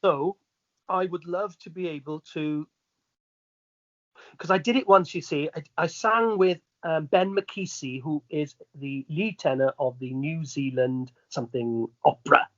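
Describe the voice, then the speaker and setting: Speaking a little slowly, a middle-aged Welshman with a fairly high-pitched voice tells easy anecdotes as an interviewed entertainer, adding small asides for the listener in casual chat. The dry recording sounds slightly dull.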